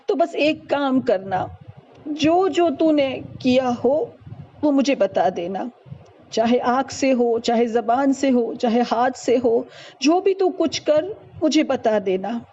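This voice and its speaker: A woman speaking as a stern old father who presses his son for the truth, his voice lowered from hers yet still fairly high and mellow. He talks in a firm, insistent way over a dull, lo-fi recording. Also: expressive, a little hiss or hum. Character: stern, grieving elderly father.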